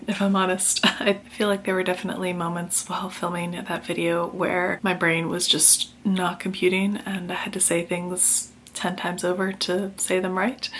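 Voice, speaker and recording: Late-20s woman vlogger, chatty and careful, even delivery, faint noise underneath. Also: fairly low pitch. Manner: measured, chatty, explains carefully. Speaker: book vlogger. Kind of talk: casual vlog narration.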